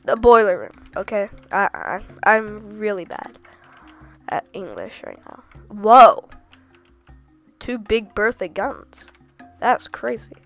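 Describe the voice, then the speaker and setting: A woman's voice: mid-range voice, slow pace, creaky, soft background music. Sick woman chatting through gameplay. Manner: chatty, rambling, with sudden excited exclamations. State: sick with a cold. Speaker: gaming video host. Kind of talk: casual gameplay commentary.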